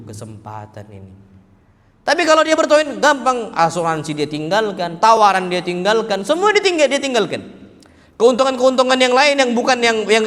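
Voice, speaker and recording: High-voiced man lecturing in a reverberant hall. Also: fairly bright tone. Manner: asks the audience questions and answers them himself; mixes Arabic quotations into casual Indonesian. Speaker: ustadz teaching a religious book study. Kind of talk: casual Islamic study lecture.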